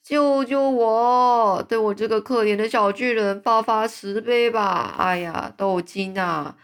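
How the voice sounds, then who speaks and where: A woman's voice: mid-range voice, natural voice. A woman voicing a huge man-eating male giant who screams and begs in his nightmare, in a storybook read-aloud. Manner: screaming, begging, panicked.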